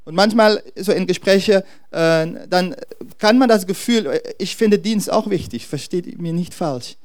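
Man, pastor, sermon, halting restarts, dry close sound, smooth full voice. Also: sits high, no echo. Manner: searches for words, halting restarts; speaks to the congregation directly.

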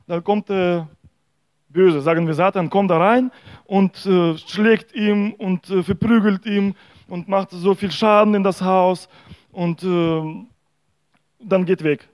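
High-voiced man preaching in halting speech. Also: steady tone, a little mellow, no echo. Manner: halting storytelling with hesitations. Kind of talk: sermon.

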